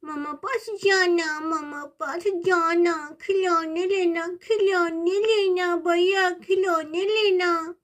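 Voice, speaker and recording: A tiny toddler girl in a doll storybook, whining and sobbing in babyish broken words, as a woman voices her. The voice is high and slow and drawn out. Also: a bit bright, exaggerated voice. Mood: whiny. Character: crying toddler girl wanting her mother.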